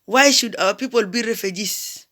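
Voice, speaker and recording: Sharp in tone with a medium pitch and moderate pace, a South Sudanese diaspora commentator delivers a fiery political speech. She hammers her points emphatically, repeating phrases and asking rhetorical questions.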